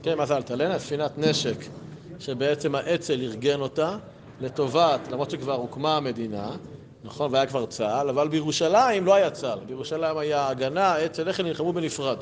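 A man leads a religious lesson in a relaxed, conversational way. He poses rhetorical questions and lifts his voice on the points that matter. His speaking voice sits a little high for a man. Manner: conversational, with rhetorical questions and sudden emphatic rises. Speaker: religious teacher. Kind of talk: Torah lesson to a group.

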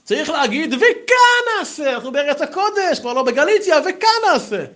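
A man putting on the voice of an excited old rabbi, raised and emphatic. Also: high-pitched, voice pushed up, full character voice. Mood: insistent.

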